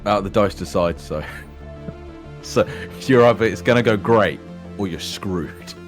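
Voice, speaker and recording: A man with a very low voice leads a tabletop game as its dungeon master. He talks in a loose, easygoing way and keeps things moving for his players. Soft music plays faintly underneath. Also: measured pace. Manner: chatty, laid-back, calls players mate. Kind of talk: casual tabletop game introduction.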